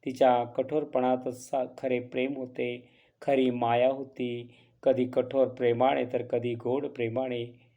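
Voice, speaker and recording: A man reading a classic story aloud in a measured, earnest way. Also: medium pitch, a little mellow.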